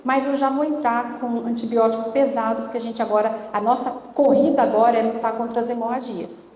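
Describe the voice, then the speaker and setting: A woman's voice: on the high side, fairly even intonation, brisk, mellow. A middle-aged woman giving an emotional testimony as a sermon, telling her story earnestly and acting out the dialogue. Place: church conference hall. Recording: echoey church hall with faint noise.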